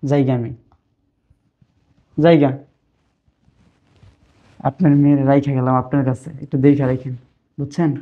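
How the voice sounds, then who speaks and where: A man's voice: medium pitch, steady tone, moderate pace, long pauses, phone-quality sound, lightly acted. A man playing a greedy, insolent son-in-law who mocks and demands money. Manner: mocking, wheedling, insolent. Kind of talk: web drama acting.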